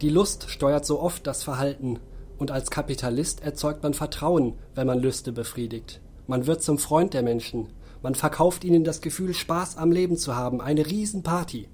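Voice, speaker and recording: A man reading a story aloud as narrator with lively, varied storytelling delivery. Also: on the high side, moderate pace. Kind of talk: audiobook reading.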